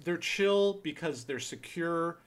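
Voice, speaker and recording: Emphatic young ex-Navy man, higher voice. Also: takes it slowly, clean tone. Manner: emphatic, swearing, restarts his sentences. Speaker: former Navy corpsman. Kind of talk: casual podcast chat.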